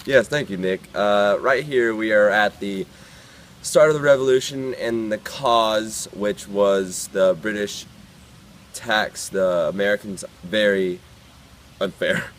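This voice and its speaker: A man's voice: lowish voice, slow, a little hiss or hum. A teenage boy playing a field reporter in an amateur mock news report, talking in a hesitant, rambling way with fillers. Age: teens. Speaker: field reporter in a school video project.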